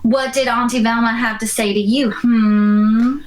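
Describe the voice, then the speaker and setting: A woman's voice: a little high, steady tone, measured pace, a crowd in the background, close to an everyday voice. A woman voicing a bossy, impatient vampire leader with a folksy Southern US accent in a tabletop game. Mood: folksy, commanding. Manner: folksy, scolding, exasperated. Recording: music playing behind the voice.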